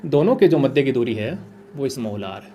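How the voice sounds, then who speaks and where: A man's voice: mid-range voice, very animated, moderate pace, mellow, a little hiss or hum. A man teaching physics in a lecture, asking his own questions and answering them, repeating key points as he works through them on the board. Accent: Hindi. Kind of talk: classroom lecture explaining on a board.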